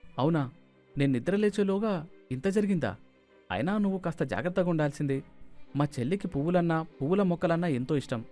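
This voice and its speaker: A man's voice: on the high side, expressive, fast, long pauses, dark tone, faint music behind, close to an everyday voice. A man voicing a mild young husband in a cartoon story, placating and evasive.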